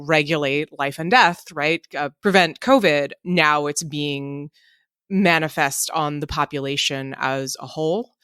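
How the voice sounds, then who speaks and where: Clear, dry-miked voice in thoughtful panel talk. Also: medium pitch, pushed and bright, no echo. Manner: discursive, intellectual, self-described nerdy digressions. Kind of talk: unscripted political panel discussion.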